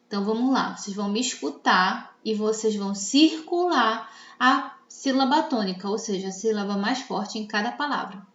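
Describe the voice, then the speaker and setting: A Brazilian woman teacher with a Brazilian Portuguese accent explaining a lesson slowly and checking in with her students. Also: a little high, fairly bright tone, echoey room, muffled recording. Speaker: Spanish teacher. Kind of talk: recorded classroom lesson.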